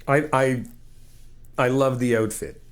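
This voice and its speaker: Speaking slowly in a mid-range voice, a man plays the listener's friend in an ASMR roleplay. He keeps things playful and encouraging, laughing frequently as he walks through explanations calmly, one step at a time.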